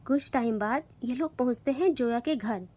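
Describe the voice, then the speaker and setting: Brief: woman storyteller, high voice, casual and chatty, talks to listeners. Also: moderate pace, darkish tone. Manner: chatty, addresses listeners directly.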